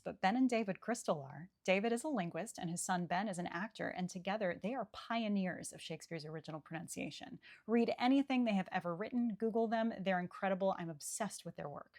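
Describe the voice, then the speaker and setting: A woman presenting an educational explainer in an enthusiastic, emphatic way. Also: medium pitch. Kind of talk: explainer narration to camera.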